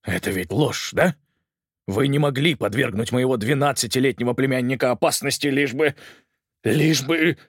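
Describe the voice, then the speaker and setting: A male reader voicing a hot-tempered, protective uncle who shouts in rage. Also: mid-range voice, moderate pace, slightly rough, dry recording, studio quality, pitched above the performer's own voice. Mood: furious.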